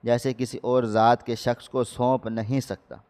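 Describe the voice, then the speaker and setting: A cruel village father in a storybook tale, hurling harsh insults in a steady mid-pitched male voice, as a male narrator puts him on. The voice rings with a long room reverb. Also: lightly acted. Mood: furious. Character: cruel furious village father, middle-aged man.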